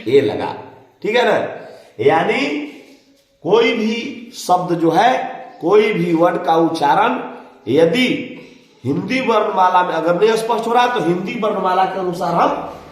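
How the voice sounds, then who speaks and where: A man teaches a grammar lesson, posing questions and answering them himself. His voice sits fairly high and he speaks slowly. The recording is very echoey. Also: lively intonation. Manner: asks questions and answers them himself, repeating key words. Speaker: English teacher. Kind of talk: classroom-style grammar lesson. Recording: very echoey room.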